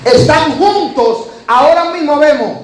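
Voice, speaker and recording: A male pastor preaching a sermon, rising to shouted emphasis and then dropping low. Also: unhurried. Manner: preaching with sudden shouted emphasis and sharp drops. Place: church hall. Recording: echoey church hall, faint noise.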